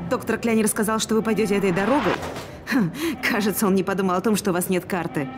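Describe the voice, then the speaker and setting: An actress playing a confident, friendly young resistance woman in a video game, brisk, wry and conversational. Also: mid-range voice, steady tone, noisy background, natural voice. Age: young adult.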